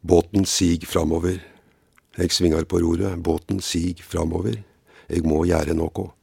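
A man voicing a desperate lone sailor at sea, calling out in a very gravelly, raspy low voice. The delivery is slow and chant-like, with the same short phrases coming back again and again. It is recorded dry and close in a studio. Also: a little mellow, no echo, heavily acted. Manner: slow, repetitive, incantatory delivery. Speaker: actor reading a play excerpt. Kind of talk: dramatic reading.

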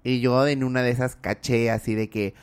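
Animated Mexican man telling a story. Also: mid-range voice, normal speed, clean tone. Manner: animated, dramatic storyteller, heavy slang and swearing. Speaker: podcast co-host. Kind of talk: casual chat, storytelling.

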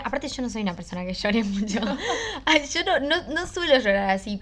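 A young Rioplatense woman co-hosts a casual podcast, musing aloud in a rambling, reflective way. Her talk is full of fillers and her voice sits a little high. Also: fairly bright tone, a little hiss or hum. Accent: Rioplatense Spanish. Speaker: podcast co-host. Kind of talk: casual chat.

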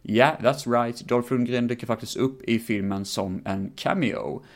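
A man hosting a podcast, talking through a film in a casual, rambling way with many fillers and some swearing. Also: medium pitch. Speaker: podcast host. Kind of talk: casual film review monologue.

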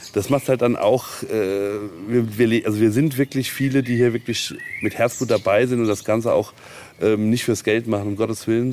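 Standing outdoors at a castle ruin, a man who rents the castle and organizes events there gives a long, informal on-site interview, rambling enthusiastically as he explains. His voice sits on the low side with a darkish tone, and faint background noise marks the field recording.

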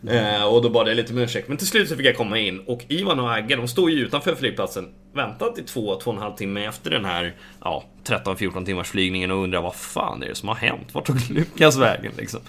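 A man's voice: lowish voice, few pauses, a bit bright, slight background noise. A young man casually telling a travel story, acting out the exchanges he quotes and swearing freely.

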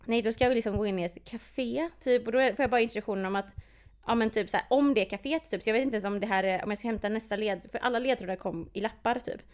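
A young woman, telling a story in casual podcast chat, full of fillers and acted-out reactions. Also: fairly high pitch. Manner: chatty storyteller, filler-heavy, acts out her own reactions.

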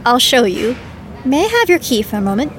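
An actress playing a polite, attentive inn hostess giving a room tour. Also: female voice, a little high, sing-song, brisk, noisy background. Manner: courteous, descriptive tour-guide tone.

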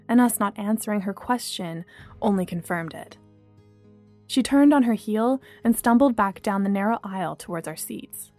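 A young woman reading a first-person story aloud in a measured, expressive way. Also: mid-range voice. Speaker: audiobook narrator.

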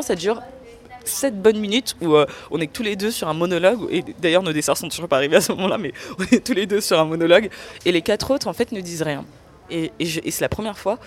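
A young woman in an interview, speaking candidly and earnestly about her own experience, often pausing to search for words. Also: lowish voice. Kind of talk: candid personal testimony.

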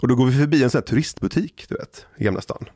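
A man from Gothenburg co-hosting a podcast, telling animated childhood anecdotes. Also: mid-range voice, slightly rough, no echo, studio quality. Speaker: podcast co-host. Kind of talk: casual chat.

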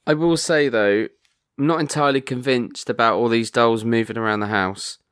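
A man co-hosting a podcast in casual chat, wry and quick to exclaim, often stammering as he restarts. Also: medium pitch, fairly bright tone, clean tone, dry recording, studio quality. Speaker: podcast co-host.

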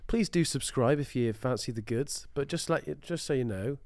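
A man co-hosting a comedy podcast, trading dry, deadpan quips. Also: mid-range voice, moderate pace, dry recording. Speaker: podcast co-host. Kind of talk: casual comedic chat.

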